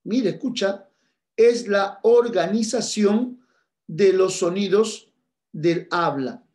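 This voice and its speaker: A man with a high voice teaches a church class at an unhurried pace. He is earnest, repeats his key points and addresses listeners as brothers and sisters. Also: a little mellow.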